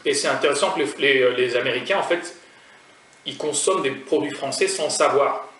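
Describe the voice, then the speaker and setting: Tasting food on his vlog, a man from France talks to viewers directly in a chatty, rambling way, with a French accent. He speaks at a moderate pace, medium in pitch and fairly bright in tone. The distant mic sounds roomy.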